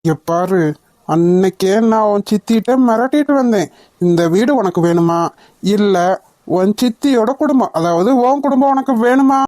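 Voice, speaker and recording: A woman's voice: mid-range voice, expressive, moderate pace, mellow, no room sound, voice pushed down, natural voice. A woman voicing a menacing greedy older uncle. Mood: threatening. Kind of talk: cartoon dubbing.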